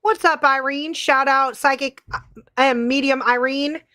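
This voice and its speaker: A woman's voice: high-pitched, fairly even intonation, measured pace, bright, forceful tone. A woman hosting a podcast, telling stories in a casual, chatty way with plenty of filler words. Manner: chatty, filler-heavy storytelling. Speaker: podcast host. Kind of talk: casual chat.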